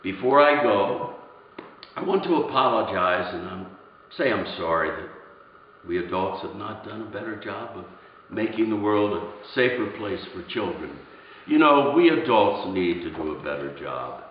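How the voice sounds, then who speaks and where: A man playing Santa Claus, telling a story in a soft-spoken, earnest way with halting repetitions. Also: lowish voice, animated, a little hiss or hum, close to an everyday voice. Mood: tender. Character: kindly old Santa Claus, gentle and earnest. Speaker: Santa performer. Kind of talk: heartfelt storytelling address. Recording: echoey room, dull lo-fi sound.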